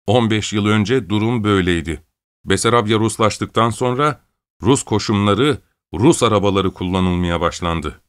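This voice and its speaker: A man reading an audiobook, telling the story in a measured, steady way and lifting his voice a little for the characters' quoted lines. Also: mid-range voice, clear, resonant tone. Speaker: audiobook narrator. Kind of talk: scripted audiobook narration.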